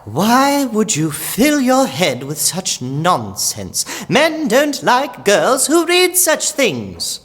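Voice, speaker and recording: A woman's voice: mid-range voice, huge pitch swings, big-room sound. A woman playing a stern, scolding old great-aunt in a period audio play, imperious and prim. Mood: disapproving. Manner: imperious, prim, drawn-out delivery.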